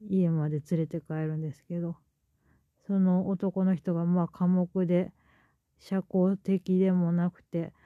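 A woman's voice: lowish voice, flat delivery, a little slow, no echo, narrow, tinny audio. A woman with a Kansai accent hosting her own podcast, retelling a story in a chatty, rambling way with many fillers. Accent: Kansai Japanese. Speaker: podcast host. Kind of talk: casual storytelling monologue.

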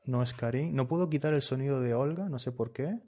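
A man teaching a group language lesson over a video call, speaking slowly and patiently, repeating and correcting his students' answers. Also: mid-range voice, mellow, slight background noise. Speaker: Spanish teacher.

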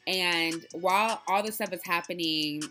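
A woman co-hosts a podcast in a relaxed chat, her voice bright and forward. She talks in loose, animated runs and laughs easily. Faint music plays underneath. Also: on the low side, unhurried. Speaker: podcast co-host. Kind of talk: casual chat, movie review.

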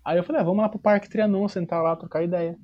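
A man with a São Paulo accent telling a personal story in casual chat, slangy and animated, acting out quoted dialogue. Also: high-pitched, fast talker. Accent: São Paulo Portuguese. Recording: dull lo-fi recording.

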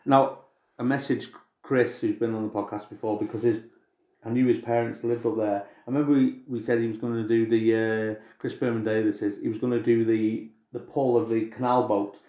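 An English man talks in easygoing, informal podcast chat, dropping the odd swear word. His voice sits at a middling pitch. The room around him gives the sound a clear echo. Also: fairly even intonation, fairly quick, mellow. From England. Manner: chatty, informal, swears casually. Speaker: podcast co-host. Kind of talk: casual chat.

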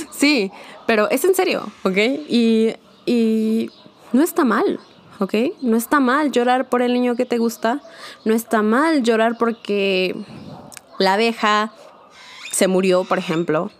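A woman's voice: on the high side, slow pace, long pauses. A young woman hosting a casual solo podcast. She talks in a chatty, confiding way, keeps checking in with "¿ok?" and drops in English words now and then. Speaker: podcast host.

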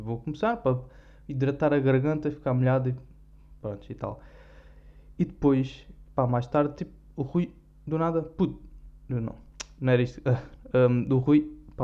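A young man with a European Portuguese accent tells a story in casual podcast chat, rambling and self-mocking, stopping often for fillers. His voice is mellow and soft-edged. The recording sounds dull and lo-fi. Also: mid-range voice. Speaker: podcast host.

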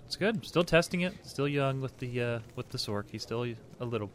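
A man's voice: mid-range voice, animated, a little fast. A man co-hosting a podcast in casual, easygoing banter with light role-play. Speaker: podcast co-host. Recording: faint background ambient noise.

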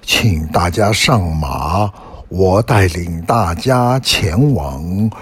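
A man voicing a polite court minister in a bedtime story, explaining the way calmly and at length. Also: sits low, very slow, breathy edge, dry recording, pitched below the performer's own voice, full character voice. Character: polite middle-aged male court minister.

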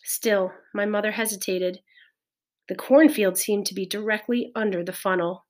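A woman reading a children's novel aloud in a measured, clear storytelling voice. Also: mid-range voice, darkish tone. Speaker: audiobook reader. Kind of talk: scripted narration of a children's novel.

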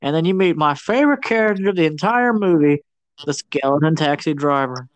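Slangy, animated man recapping a movie. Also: a little high, brisk. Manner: slangy, animated storyteller who acts out characters. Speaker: podcast co-host.

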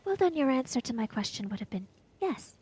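A woman plays her tabletop character with a dry, sardonic edge. Her voice sits high. The recording is dry, with no room sound. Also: very animated, a little fast, a little mellow, breathy edge, dry recording. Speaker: player.

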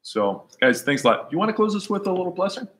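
A man's voice: sits high, fast. Chatty man hosting a live stream. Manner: relaxed, chatty, with fillers and restarts. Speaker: host of an online talk show. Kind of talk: casual chat.

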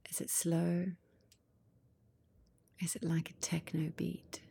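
A woman whose voice sits on the low side guides a meditation in a breathy, soft near-whisper. She takes her time, calm throughout, with long gaps between short phrases.

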